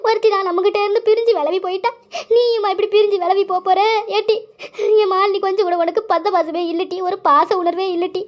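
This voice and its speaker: A woman's voice: high-pitched, quick pace, lo-fi sound. A woman voicing a grasping, jealous middle-aged village aunt in a cartoon, scolding and wheedling. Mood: wailing. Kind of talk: cartoon voice acting.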